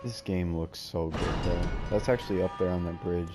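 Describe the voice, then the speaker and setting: A man's voice: sits low, normal speed, over music. A man giving casual let's play commentary as a gaming host, with slangy, jokey asides.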